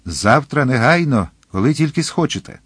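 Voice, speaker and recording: A man's voice: medium pitch, expressive, moderate pace, fairly bright tone, breathy edge, no room sound, pitched above the performer's own voice. A man reading an audiobook and voicing an impassioned, hot-headed young swordsman who exclaims his lines. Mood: ardent.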